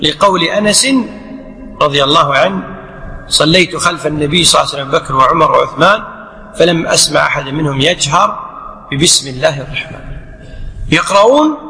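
A man's voice: on the high side, lively intonation, fast talker, creaky, long pauses, sharp tone. A man giving a religious lesson on prayer rulings, explaining with rhetorical questions and by acting out the imam and the worshipper. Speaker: Islamic scholar teaching. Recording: echoey hall reverb.

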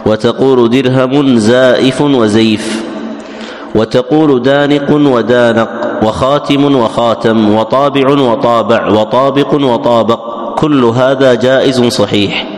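A man reading a classical Arabic grammar text aloud in steady recitation for the teacher. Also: medium pitch, a little slow. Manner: steady recitation, opens each passage with "he said". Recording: roomy hall with long reverb.

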